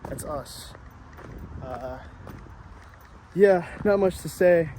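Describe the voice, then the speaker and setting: Young male vlogger, winded, chatty and easily impressed, slightly high voice, recorded outdoors with light traffic noise. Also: extremely slow, mellow. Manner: chatty, easily amazed, self-joking. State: out of breath from walking. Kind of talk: casual walk-and-talk vlog. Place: outdoors on a trail and city streets.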